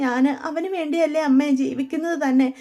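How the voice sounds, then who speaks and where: A woman's voice: high-pitched, fairly even intonation, brisk, dark tone. A woman voicing a young man frantic with grief, pleading in desperate denial. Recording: dull lo-fi recording.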